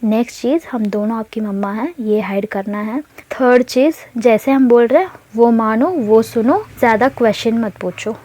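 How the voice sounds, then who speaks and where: A woman voicing a calm alien mother who explains rules step by step. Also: fairly high pitch, normal speed, hardly any pauses, close to an everyday voice. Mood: instructive.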